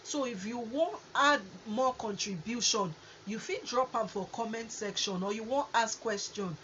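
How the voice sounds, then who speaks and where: A woman with a Nigerian accent hosting a conversational advice talk in Nigerian Pidgin, with an animated way of explaining things. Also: a little high, normal speed. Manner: animated, acts out example exchanges. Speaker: host. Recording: muffled lo-fi audio with faint noise.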